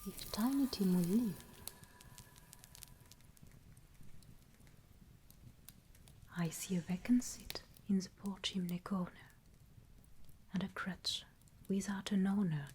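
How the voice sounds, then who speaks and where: A woman playing a solemn, gently admonishing female Christmas spirit in a whispered ASMR roleplay, telling things in a hushed, storytelling way. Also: mid-range voice, moderate pace, a little hiss or hum, close to an everyday voice.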